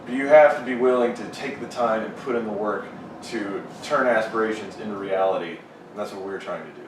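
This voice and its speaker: A man's voice: on the low side, fairly quick. A man with a Texan accent, a metal band member, giving earnest advice in casual chat. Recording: echoey room, distant mic, noisy.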